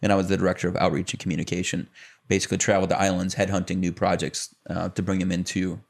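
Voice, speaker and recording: A young adult man from the Chicago area, guesting on a podcast, speaks with a low, gravelly voice. He rambles through his career story in a relaxed, casual way, restarting sentences and filling pauses. His tone stays easygoing and conversational. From Chicago area, United States. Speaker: actor and producer, podcast guest.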